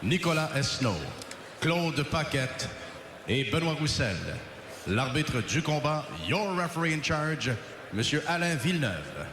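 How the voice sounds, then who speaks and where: A man working as a bilingual fight announcer, formally introducing boxers in a showman style with drawn-out names. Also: fairly high pitch, big pitch swings, a bit bright. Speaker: boxing ring announcer. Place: echoing arena at ringside. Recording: echoey noisy arena PA, long reverb.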